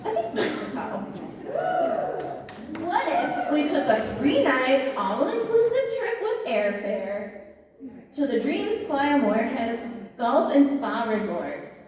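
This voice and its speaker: A woman's voice: sits high, very animated, a crowd in the background. Bubbly woman auctioneer, playful and teasing, rattling off bids, recorded far away in a big reverberant hall. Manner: playful, joking, chanting bids in quick repeats. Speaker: volunteer charity auctioneer. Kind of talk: live fundraiser auction calling. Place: large event hall at a fundraiser.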